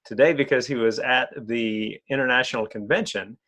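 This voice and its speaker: A man's voice: medium pitch, normal speed, fairly bright tone. A man interviewing a guest in an online club meeting, who often repeats words while searching for phrasing.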